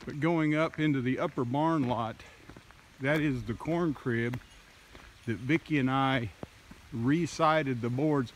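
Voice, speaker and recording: A man narrating a casual walking tour of his wooded farm outdoors, talking in a slow, halting way with many fillers, recorded on a handheld phone. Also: medium pitch. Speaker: farmer vlogger. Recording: faint outdoor noise.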